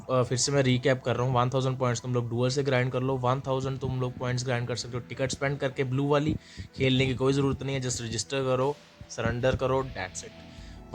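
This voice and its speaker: A young man talks viewers through a mobile game strategy in a relaxed, chatty way, switching between Hindi and English and going back over each step. His voice sits in an ordinary middle pitch. Faint music plays underneath. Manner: mixes Hindi and English, repeats steps, often checks with the listener. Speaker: gaming guide host. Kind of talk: casual game walkthrough.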